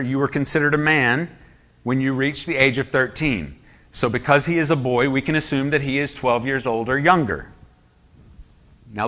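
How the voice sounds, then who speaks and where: Male preacher, bright forceful delivery, emphatic, asks the room questions. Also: mid-range voice. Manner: emphatic, rhetorical questions to the congregation. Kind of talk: sermon.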